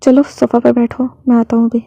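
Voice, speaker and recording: A woman voicing a protective older brother who talks softly and haltingly while hiding his grief. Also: fairly high pitch, flat delivery, vocal fry, dry recording. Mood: gentle. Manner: soft, halting, choked.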